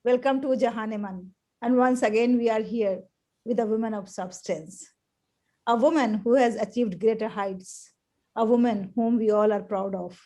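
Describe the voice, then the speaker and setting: A woman's voice: fairly high pitch, dark tone. A woman hosting a show, welcoming her guest in a formal, ceremonious manner. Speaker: host.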